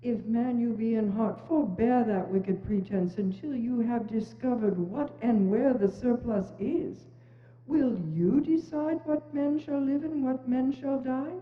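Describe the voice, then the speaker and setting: A woman's voice: on the high side, unhurried, natural voice. A woman playing a stern, imperious Christmas spirit in a solemn, oratorical dramatic reading. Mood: stern, reproachful. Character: stern, commanding Ghost of Christmas Present. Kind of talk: dramatic reading of a stage adaptation. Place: indoors, church. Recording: echoey church, slightly dull sound.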